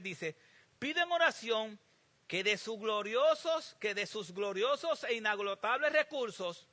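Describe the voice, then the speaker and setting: A pastor preaching a sermon, asking the congregation emphatic rhetorical questions. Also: male voice, extremely high pitch, bright, forceful tone. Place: church sanctuary.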